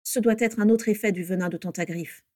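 A woman reading aloud gives voice to a fierce, bossy young witch who screams her orders high and loud. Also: a little fast, dry recording, clean studio sound, close to an everyday voice. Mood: anxious.

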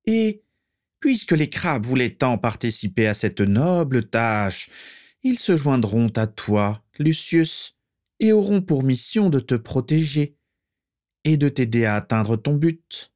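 A man reading aloud and voicing a menacing dark lord who gives orders slowly and coldly. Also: medium pitch, big pitch swings, voice pushed up. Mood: commanding. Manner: slow, commanding.

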